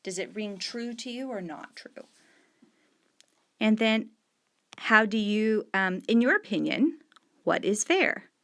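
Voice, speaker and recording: A middle-aged woman teacher patiently walks students through discussion questions, marking up the page on screen with a pen and stressing key words as she goes. Her voice is medium-pitched, animated and a bit bright, and she takes it slowly with frequent pauses.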